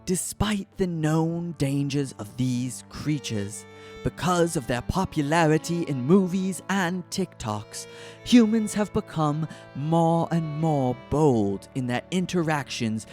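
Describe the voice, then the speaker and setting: A narrator reads a mock nature documentary with solemn drama. The pace is slow and deliberate, and the pitch sits in a middle range. Soft music plays behind the voice. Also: lively intonation. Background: background music.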